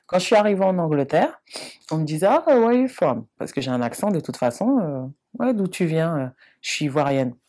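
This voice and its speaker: A Frenchwoman with a low, mellow voice talks briskly, her pitch swinging widely. Interviewed casually for a documentary, she's reflective and earnest, acting out remembered conversations by mimicking the other people in them.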